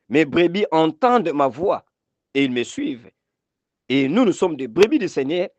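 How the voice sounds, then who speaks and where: A man preaching a sermon with emphatic, repeated phrases and calls for amen. His voice sits fairly high for a man. The sound is dry and close, with little room in it. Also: darkish tone, no room sound, highs cut off. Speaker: pastor.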